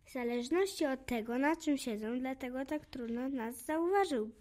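A woman voicing a shy, lonely male chameleon in a children's story, speaking quietly and slowly in an apologetic way. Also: sits high, a little hiss or hum, close to an everyday voice.

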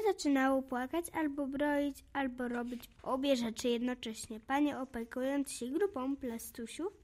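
A woman reads a children's story aloud. Her voice sits high, and she keeps the telling expressive and lively. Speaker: narrator.

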